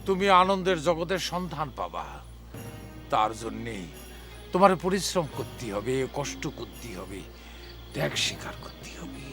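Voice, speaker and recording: An actor playing a smooth-talking village guru, lecturing his disciple in a TV drama. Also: medium pitch, big pitch swings, unhurried, a bit bright, faint music behind. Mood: sermonizing. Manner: soothing, sermonizing. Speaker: spiritual guru. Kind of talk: television drama acting.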